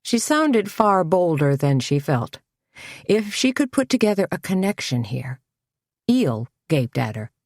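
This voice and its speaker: Low-voiced woman reading an audiobook, steady measured pace, super dry close mic. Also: dry recording. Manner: measured, even storytelling. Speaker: audiobook narrator. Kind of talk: scripted audiobook narration.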